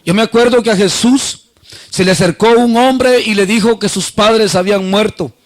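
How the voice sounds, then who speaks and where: A man preaching a sermon, telling a personal story and acting out the voices he quotes, swinging between loud and soft. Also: sits high, moderate pace.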